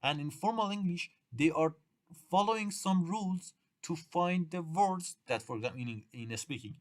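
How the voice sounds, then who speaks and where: A middle-aged man from Iran, natively a Persian speaker with the accent to match, lectures a class preparing for an English exam. His voice is on the high side, and he speaks haltingly, often restarting or repeating himself with uneven grammar.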